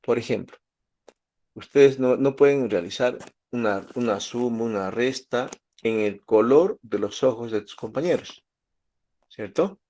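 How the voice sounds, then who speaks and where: A man's voice: mid-range voice, a little slow, dark tone. A man from Peru, teaching statistics and often checking in with his students. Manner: asks students questions, gives everyday examples. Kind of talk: lecture to students.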